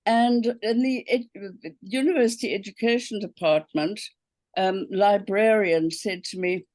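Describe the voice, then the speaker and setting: A woman's voice: mid-range voice, unhurried, darkish tone, no room sound. A South African woman in her seventies, a quilting teacher telling her story in a casual interview over a video call, full of ums and okays. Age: 70s.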